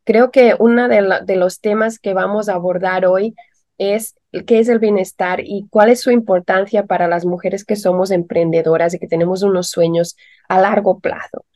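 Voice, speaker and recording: A woman's voice: medium pitch, steady tone, normal speed, darkish tone, dry recording. A woman hosts a podcast in a voice stuffed up by a head cold. The recording is close and dry, and she speaks in an upbeat presenting style. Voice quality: congested stuffy nose from a cold. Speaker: podcast host. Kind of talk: upbeat podcast introduction and interviewing.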